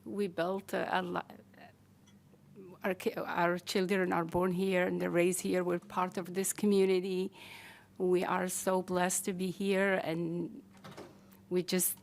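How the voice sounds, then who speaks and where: A woman from Algeria thanks a city council in a slow, flat voice with a gravelly edge. She speaks hesitantly and often restarts her sentences. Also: lowish voice, a little hiss or hum. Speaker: public commenter. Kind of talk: public comment at a council meeting.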